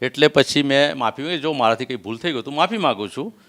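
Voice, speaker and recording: A man's voice: mid-range voice, animated, quick pace, a bit bright. A man giving an emotional, insistent testimony to a reporter, swearing oaths and acting out the threats made against him. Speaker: complainant doctor.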